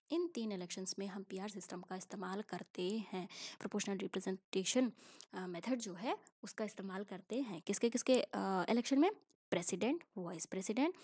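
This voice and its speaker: A young woman teaching an exam-prep civics lesson, explaining in a patient, chatty way. She keeps checking that the students follow, and she reads textbook lines slowly before she explains them. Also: medium pitch, darkish tone. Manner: explains in mixed Hindi and English, asking checking questions.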